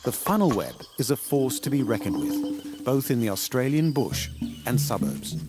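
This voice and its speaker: A man narrates a nature documentary over clearly audible music. His pitch sits in a medium range but moves expressively, rising and falling to give the scripted lines a measured sense of drama. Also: sing-song. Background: background music.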